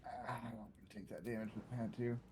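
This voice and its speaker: A man playing a co-op game with friends, joking around in relaxed banter. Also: medium pitch, racing, noisy background. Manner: joking, laid-back banter. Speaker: co-op game player. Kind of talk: casual gaming chat.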